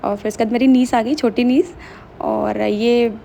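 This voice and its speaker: Gravelly-voiced young woman vlogging casually. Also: on the high side, fairly even intonation, a little slow, warm tone, a little hiss or hum. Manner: chatty, mixing English phrases into Hindi. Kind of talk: casual vlog voice-over.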